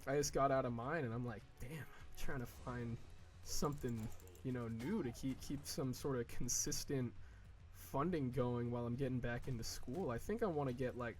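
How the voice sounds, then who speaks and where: A man in his early twenties with a mid-range voice chats casually while playing a game, with faint music behind him. He's a gaming video creator who rambles with lots of fillers, restarts and swearing, slipping into slow, drawn-out mock whining in quoted asides.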